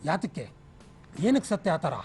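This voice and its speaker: A man working as a hypnotherapist, guiding a session with brief prompts and steady murmured acknowledgements. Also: fairly high pitch, moderate pace, breathy edge, faint music behind.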